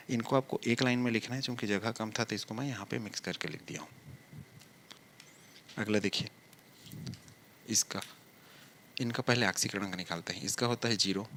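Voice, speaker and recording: A man with a lowish, slightly bright voice teaches chemistry at the blackboard, working through it step by step. He poses questions and answers them himself, drawling his words slowly as he writes, with a little background noise.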